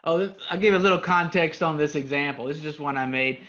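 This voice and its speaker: A man's voice: fairly high pitch, fast, fairly bright tone, lo-fi sound. A man co-presenting a live online training session, casual and self-deprecating, inviting the audience to join in.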